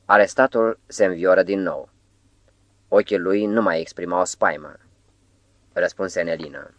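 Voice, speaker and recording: Deep-voiced male audiobook narrator. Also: fairly bright tone, dry recording. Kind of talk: scripted narration.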